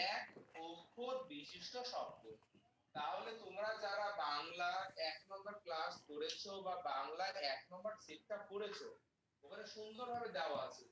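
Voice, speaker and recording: A male teacher giving a grammar lesson, explaining step by step and spelling out sounds slowly. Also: high voice, bright, forceful tone. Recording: echoey room, mic far off, faint noise.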